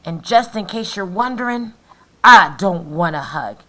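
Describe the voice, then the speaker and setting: A woman voicing a grumpy male cactus in a children's storybook, yelling curtly and indignantly at visitors. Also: medium pitch, lively intonation, a little slow. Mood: grouchy. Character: grumpy male cactus who hates visitors, shouting angrily.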